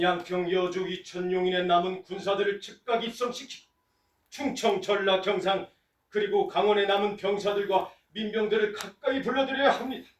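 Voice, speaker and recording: A man's voice: high-pitched, a little hiss or hum, close to an everyday voice. A man playing an upright, defiant royal official in a historical stage drama, speaking in formal, archaic declamation. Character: upright, defiant male court official urging war. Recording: echoey hall, distant microphone.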